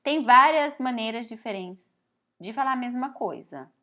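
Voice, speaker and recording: A woman from Brazil teaching Italian in a relaxed spoken lesson, explaining slowly, reading phrases aloud and often adding "né?". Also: a little high. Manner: frequent "né?" tag questions.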